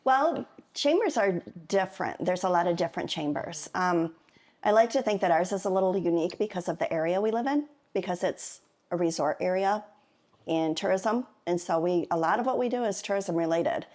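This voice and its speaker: A woman's voice: fairly low pitch, animated, fairly quick, a little mellow. A woman guest on a podcast interview, explaining things in a friendly way with occasional fillers. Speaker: chamber of commerce president, guest. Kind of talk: interview answers.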